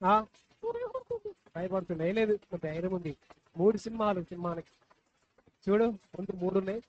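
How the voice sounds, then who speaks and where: The host of a live puppet show, a little mellow in a mid-range voice, coaxes the children watching and keeps repeating questions. It's captured as a dull, lo-fi live recording with some faint noise.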